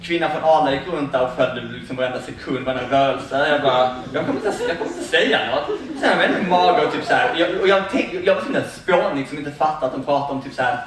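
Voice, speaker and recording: A fairly high-voiced man tells a fair audience funny stories in a chatty, laughing way, acting out little conversations. He is heard from a distance in a very echoey hall, with clear background noise. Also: lively intonation, hardly any pauses. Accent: Swedish. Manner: chatty, laughing, acts out quoted exchanges. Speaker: vegan cookbook author giving a talk. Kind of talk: casual storytelling talk at a fair.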